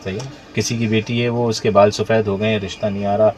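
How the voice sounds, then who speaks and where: A man's voice: fairly low pitch, flat delivery, darkish tone, a little hiss or hum. A man hosting a radio talk show, asking questions conversationally and affirming his guest often. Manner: conversational, asks questions with many affirming interjections.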